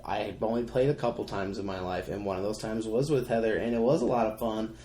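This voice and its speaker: A man's voice: lowish voice, steady tone, fast, mellow. Rambling man in an echoey room. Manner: rambling, enthusiastic, many fillers. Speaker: podcast co-host. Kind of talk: casual chat. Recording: roomy echo.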